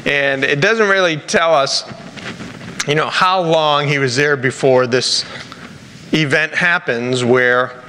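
Male pastor, Rhode Island accent, preaching with halting deliberate phrasing, bright forceful tone, slightly high voice, in an echoey church. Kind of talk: sermon with scripture reading. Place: large church sanctuary, at a pulpit. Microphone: lapel mic. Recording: echoey church hall with background noise.

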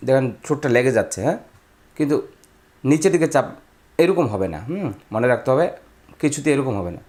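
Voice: medium pitch, animated, brisk, a little mellow. A teacher giving a recorded beginner lesson on reading the Quran, drilling each sound with call-and-repeat. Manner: stretches and stresses each syllable.

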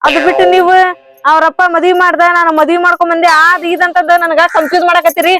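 A woman voicing a quick-tongued, nagging village wife in a cartoon comedy, scolding with a North Karnataka Kannada accent and rapid rhetorical questions. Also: very high-pitched, level tone, sharp tone.

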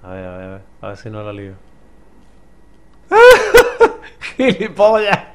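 A young man with an accent from Spain, commentating a puzzle game as he plays, muttering, swearing and now and then yelling in frustration. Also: low-pitched, flat delivery, very fast. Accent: Spanish from Spain. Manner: swears a lot, mutters to himself, bursts into frustrated yells. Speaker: gameplay commentator. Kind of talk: let's play commentary.

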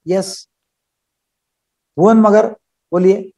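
A man's voice: high-pitched, steady tone, drawn-out words, mellow, slight background noise. An older man, a psychiatrist leading a live webinar over a video call, explaining by acting out little dialogues.

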